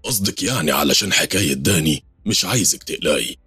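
Brief: man doing a steady Egyptian jinn king, deep husky voice, reassuring. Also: fast talker, no room sound, soft background music, heavily acted. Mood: calm. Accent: Egyptian Arabic. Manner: reassuring, calm.

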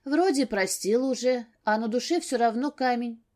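A woman voicing a sharp-tongued, weary young married woman in an audiobook, snappy and sarcastic. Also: on the high side, normal speed, pitched above the performer's own voice, natural voice. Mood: sad.

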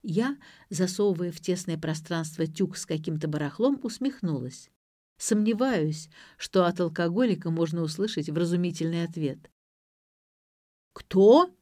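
A woman narrating an audiobook in an even, wry storytelling manner. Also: on the low side, normal speed, no echo, clean studio sound.

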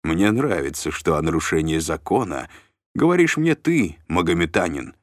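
A fearless warrior, cool and curt, dropping dry mockery without raising his voice, as a male audiobook reader plays him. The voice sits very low. The sound is close and dry. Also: big pitch swings, moderate pace, no echo. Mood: cold, mocking. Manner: cool, curt, dryly mocking. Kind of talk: audiobook character reading.

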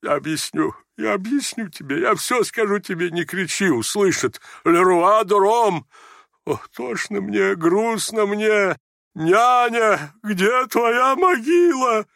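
A man voicing a distraught old drunken army general who rants in slow, stammering, theatrical exclamations. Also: sits high, expressive, gravelly, bright, forceful tone, no room sound, clean studio sound, pitched above the performer's own voice, exaggerated voice. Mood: wailing. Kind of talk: audiobook character voice.

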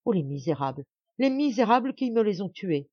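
A woman's voice: medium pitch, sing-song, brisk, darkish tone, no room sound, highs cut off. A woman reader voicing a distraught middle-aged noblewoman with frantic, pleading cries.

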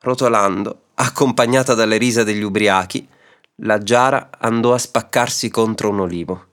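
A man narrating a classic short story aloud in a measured, expressive reading. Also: on the low side.

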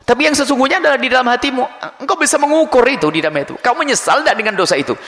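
Preacher, middle-aged man: high, bright, very lively voice, playful storyteller, echoing hall. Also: very fast. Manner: animated, playful, acts out examples. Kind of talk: Ramadan sermon. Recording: long hall reverb.

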